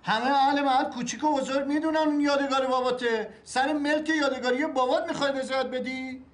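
A man's voice: extremely high pitch, fairly even intonation. An actor playing a hot-tempered man who fawns, then turns angry and pushy over his inheritance. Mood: indignant. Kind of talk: TV series acting.

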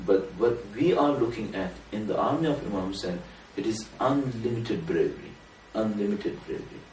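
A man with a fairly low voice delivers an earnest, measured sermon, pressing harder on key points. He sounds set back from the mic in an echoing room, with a faint hiss underneath. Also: animated, a little mellow. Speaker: religious speaker. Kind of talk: sermon to a small gathering. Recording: roomy room from a distance, faint noise.

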